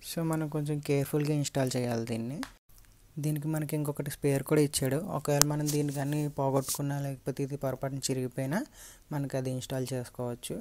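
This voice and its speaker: Here the Telugu-accented vlogger's voice is fairly high and a little mellow, with some hiss or hum in the audio. Unscripted, he guides viewers step by step while reviewing and installing gear.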